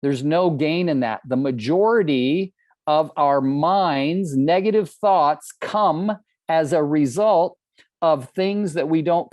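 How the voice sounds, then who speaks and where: A man's voice: a little high, darkish tone, no echo, clean studio sound. A man in his sixties from California, giving an earnest, emphatic motivational training talk to real estate agents, often asking the audience questions. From California, United States.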